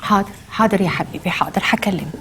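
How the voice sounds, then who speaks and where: An actress playing a middle-aged Egyptian mother who talks in an expressive way, shifting between soft coaxing and tearful outbursts. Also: medium pitch, very fast, slight background noise, natural voice. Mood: gentle. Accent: Egyptian Arabic. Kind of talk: TV drama acting.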